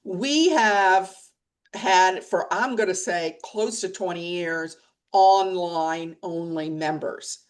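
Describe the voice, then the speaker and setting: A woman's voice: on the low side, slow. A middle-aged woman leading a press association, talking bluntly and emphatically in a webinar discussion over a video call. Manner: blunt, plain-spoken, emphatic.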